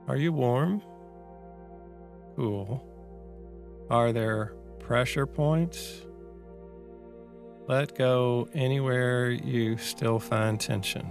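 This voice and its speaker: A man giving a reflective guided mindfulness talk in a measured, unhurried way, with pauses between short phrases. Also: mid-range voice, gravelly, faint music behind. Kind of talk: slow guided meditation, reflective talk on anxiety.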